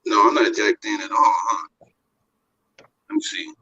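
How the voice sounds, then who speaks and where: A man speaking earnestly on an online call, his voice muffled as if heard through a wall, halting and repeating words as he restarts. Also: very high voice, huge pitch swings, bright, forceful tone, dry recording. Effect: muffled, as if through a wall, from a badly placed mic. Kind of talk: earnest spoken testimony. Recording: muffled, dull, distant call audio.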